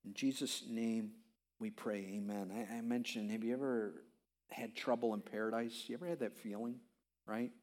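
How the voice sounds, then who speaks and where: A man in his fifties preaching a conversational sermon as a pastor, telling stories with animated swings and frequent halting restarts. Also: fairly low pitch. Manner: animated storytelling, voice leaps up when reenacting his own pleas; halting restarts and repeated words.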